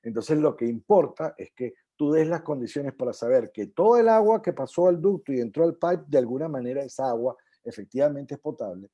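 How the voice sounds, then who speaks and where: A middle-aged man from Venezuela speaks on an online panel over a video call. His voice is very dark and mellow, and he explains at length, stumbling through restarts and fillers. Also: medium pitch.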